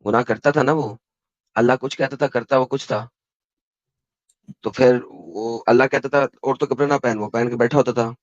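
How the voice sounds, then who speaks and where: A man's voice: mid-range voice, steady tone, dry recording. Insistent Indian man in a call debate. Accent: Indian Hindi. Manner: insistent, rapid-fire, quotes verses and references. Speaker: debate host. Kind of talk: heated online debate. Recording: dull, dry call audio.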